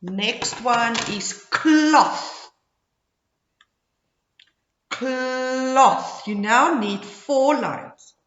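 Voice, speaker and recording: A woman phonics teacher talks to young children in simple instructions, extremely slowly, with exaggerated modeling of each sound. Her pitch moves in an animated way, and the recording has a clear room echo. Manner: slow, exaggerated speech modeling, repeating words and sounds. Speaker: early-grade phonics teacher. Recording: dull, echoey room sound.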